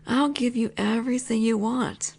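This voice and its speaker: This intimate audio roleplay features a young female voice actor as a teasing, possessive roommate who speaks low, lingers over words, and sometimes falls to whispers. She talks at normal speed with a darkish, slightly rough tone.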